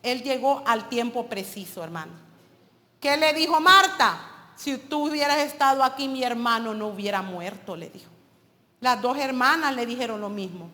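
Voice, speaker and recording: A woman's voice: a little high, animated, moderate pace, pushed and bright, in a large hall. A woman preacher delivering an emphatic sermon and calling her listeners brothers.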